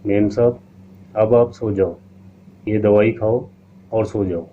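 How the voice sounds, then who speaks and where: A man's voice: lowish voice, steady tone, takes it slowly. A man voicing a fawning, sly female maid who coaxes and wheedles. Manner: coaxing and wheedling. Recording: tinny lo-fi line with faint hiss.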